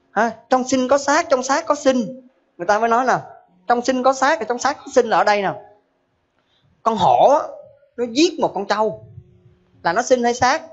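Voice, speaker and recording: A woman giving a humorous Buddhist dharma talk in a folksy manner, full of rhetorical questions. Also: a little high. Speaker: Buddhist teacher. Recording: dull lo-fi recording.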